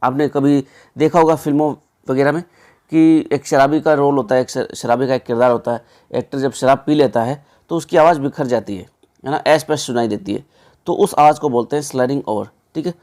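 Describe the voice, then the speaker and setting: A young man working through exam questions as a teacher, chatty, often checking in with listeners, reading options slowly before explaining them. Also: medium pitch, fairly even intonation, darkish tone. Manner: conversational, repeats "ठीक है" and "दोस्तों"; reads English options slowly, then explains.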